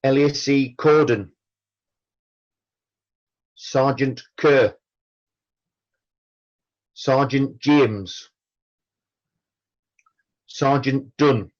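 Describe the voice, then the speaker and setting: The recording, slightly dull and lo-fi, captures a veterans' branch chairman reading names for a memorial roll call. He speaks at an average male pitch, extremely slowly and measuredly, with solemn formality and a break after each entry.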